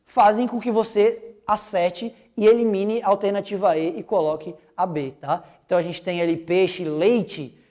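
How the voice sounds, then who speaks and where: A man's voice: sits high, fairly even intonation, normal speed, few pauses, a little mellow. A young man with a Brazilian accent teaching an online exam-prep biology lesson in a casual, slangy, joking way. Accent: Brazilian Portuguese.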